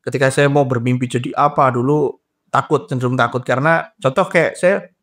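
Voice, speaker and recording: Young adult man, casual interview, lively explaining, laughs at own points, average pitch. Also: a little fast. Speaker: guest, graduate psychology student and trainer.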